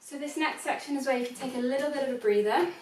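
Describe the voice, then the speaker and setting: A woman's voice: high voice, fast, loud music behind the voice. Woman counting ballet beats, far and echoey. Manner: counts out beats while demonstrating steps; apologetic asides while dancing. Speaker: ballet teacher. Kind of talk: online dance class instruction. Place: room with a hard floor. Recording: echoey room, voice from far off, noisy.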